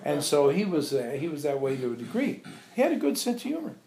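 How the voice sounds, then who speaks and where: An older man, a monk and abbot, tells a small group informal stories about his teacher, animatedly acting out the quoted dialogue. He talks fast in a fairly high, sing-song voice that is gravelly and dark. The recording was made in an echoey room with a few visitors.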